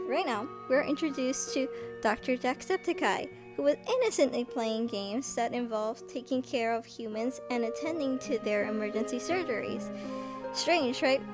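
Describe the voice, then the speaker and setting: A woman narrating a scripted fan-theory summary in a chatty, conversational way. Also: high voice.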